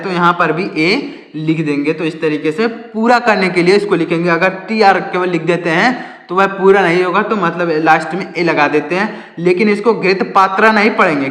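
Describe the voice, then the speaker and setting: A man teaching English spelling to Hindi speakers, slowly and repetitively, asking questions and answering them himself. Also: sits high, a bit bright. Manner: slow, repetitive explaining, asks and answers own questions. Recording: echoey room, long reverb.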